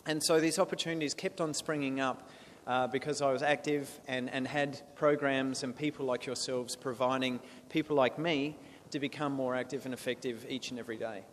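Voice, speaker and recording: A man's voice: mid-range voice, steady tone, fairly quick. An Australian man from South Australia in his thirties, giving an earnest talk to a club with frequent restarts and fillers. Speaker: guest speaker. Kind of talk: presentation to a club. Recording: echoey hall with faint noise.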